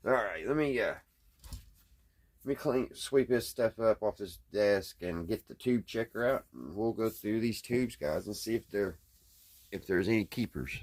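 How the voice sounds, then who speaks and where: This video host fixes radios as a hobby and narrates his repairs at a workbench indoors in a relaxed, unscripted vlog. He has a low, folksy voice, expressive and unhurried, and thinks aloud as he goes.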